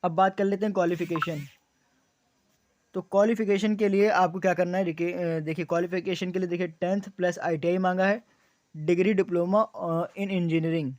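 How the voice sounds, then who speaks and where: A man's voice: high-pitched, steady tone, moderate pace, darkish tone, no room sound, studio quality. A young man explaining exam details to students, repeating key points as questions and answers, with frequent fillers. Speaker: exam coaching YouTuber.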